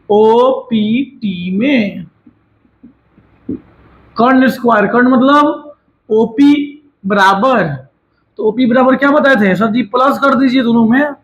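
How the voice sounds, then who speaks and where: A man's voice: very high voice, fairly bright tone, rough recording. A man teaching a maths lesson, chatty and scolding, mixing jokes and snatches of song into his explanations. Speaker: maths tutor.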